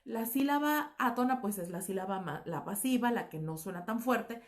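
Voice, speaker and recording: A woman's voice: medium pitch, lively intonation, normal speed. A woman teaching a recorded lesson, explaining patiently with fillers and self-corrections. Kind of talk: recorded class lecture.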